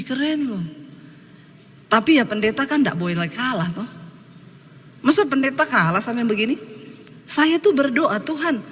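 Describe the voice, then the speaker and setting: A woman pastor preaches with a high, bright, ringing voice, telling stories with lively, animated delivery. Her words carry a long church reverb over faint room ambience. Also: a little hiss or hum. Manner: lively storytelling, acts out quotes. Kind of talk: sermon.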